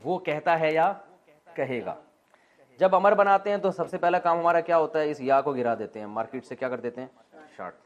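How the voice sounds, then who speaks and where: A man with a somewhat high voice gives a lesson on the Quran. He poses questions to his listeners and answers them himself. He drops in light jokes as he goes. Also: dull audio. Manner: light joking asides. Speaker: Islamic scholar teaching Quran exegesis. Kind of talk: explanatory religious lesson. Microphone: recording while writing on a board.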